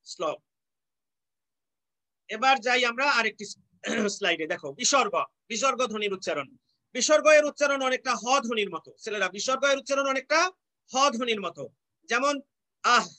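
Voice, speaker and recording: A male teacher from Bangladesh gives an online lecture in a strikingly high, bright voice. He explains patiently, stretches each example word out slowly and keeps asking his students questions he then answers himself. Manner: explains patiently, repeats and draws out example words, asks rhetorical questions.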